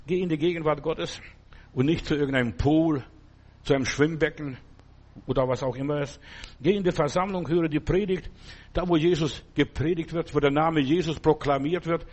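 Fervent pastor guy preaching, kinda high voice, talks right at you, rambles into stories. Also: normal speed, darkish tone. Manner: fervent, direct preaching to a single listener; loose, storytelling delivery with restarts. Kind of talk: sermon.

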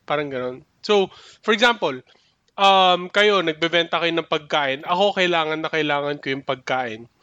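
A young man talks through ideas on a podcast, restarting and hedging as he goes. His voice sits high and sounds bright and forward. The sound is dry and close, with no room around it. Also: moderate pace, clean tone, no room sound, dull audio. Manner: thinks aloud, restarts and hedges. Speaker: podcast co-host. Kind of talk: casual chat mixing Tagalog and English.

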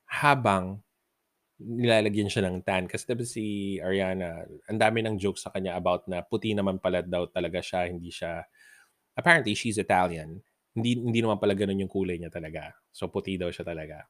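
A man's voice: low-pitched, dry recording, clean studio sound. A man hosting a podcast, casually telling funny stories, laughing often and mixing English into his talk. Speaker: podcast host. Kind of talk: casual storytelling.

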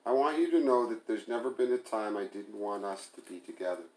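A man's voice: on the low side, lively intonation, a little fast, a little mellow, natural voice. A man voicing a hurt, sarcastic young woman who confronts her partner, speaking in a pleading, bitter way. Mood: hurt, pressing. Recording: roomy echo.

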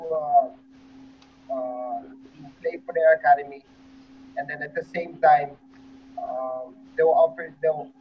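A man from the Netherlands, a football coach, answering questions in an online panel with many pauses and fillers. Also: a little high, highs cut off.

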